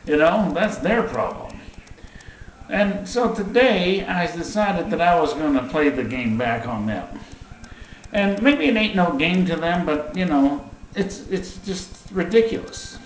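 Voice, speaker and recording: A man telling an exasperated, animated story in a casual vlog rant. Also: fairly high pitch, unhurried. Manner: exasperated, animated, laughing at his own story. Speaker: vlogger. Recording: roomy echo, faint noise.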